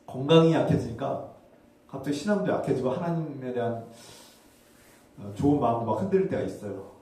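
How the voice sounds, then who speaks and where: A man's voice: medium pitch, lively intonation, fairly quick, dark tone. A male pastor preaching a Sunday sermon, earnest and questioning, often asking the congregation rhetorical questions. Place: church sanctuary. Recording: very echoey hall, heard from a distance.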